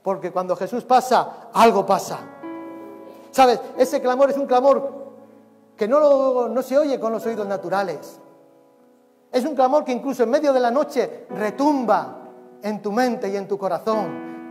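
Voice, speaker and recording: A male pastor, preaching a sermon with passion, swinging from loud cries to hushed tones. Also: very high voice, lively intonation, measured pace. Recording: long reverb of a hall, faint music behind.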